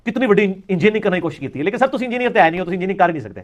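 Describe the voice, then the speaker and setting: Male religious lecturer, fairly high voice, Punjabi-flavored Urdu, dry sarcastic delivery. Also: expressive. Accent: Punjabi-inflected Urdu. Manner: sarcastic, mimics opponents in quoted asides.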